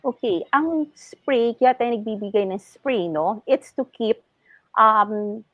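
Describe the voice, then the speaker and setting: A woman's voice: on the high side, takes it slowly, dry recording, muffled recording. A woman ENT doctor, a guest on a health talk show, explaining things patiently in a mix of English and Tagalog.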